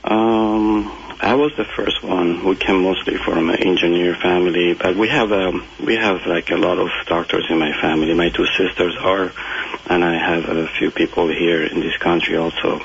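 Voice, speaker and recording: Deep gravelly man, hesitant with fillers. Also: fairly even intonation, normal speed, lo-fi sound, slight background noise. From Iran. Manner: hesitant, many fillers and restarts. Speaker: guest doctor. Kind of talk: radio interview.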